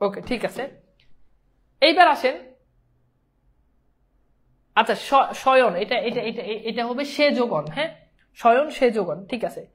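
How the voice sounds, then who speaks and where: A woman's voice: fairly high pitch, lively intonation, measured pace, pauses often. A woman teaching an exam-prep grammar class, often checking whether her students understand and mixing English words into her speech.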